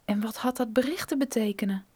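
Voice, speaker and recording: A woman reading a thriller audiobook in a steady, measured storytelling manner. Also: a little high, slightly rough. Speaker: narrator.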